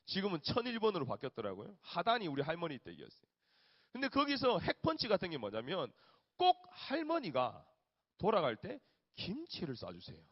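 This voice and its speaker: A man, a youth pastor telling lively stories in his sermon. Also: sits high, fast talker. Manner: animated storyteller, acts out family voices. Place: church hall. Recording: dull echoey church hall recording.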